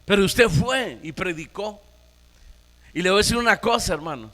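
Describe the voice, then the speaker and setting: A Nicaraguan pastor preaching a sermon, emphatic, firing rhetorical questions at the congregation. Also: male voice, high-pitched, animated, moderate pace, bright, forceful tone, long reverb tail.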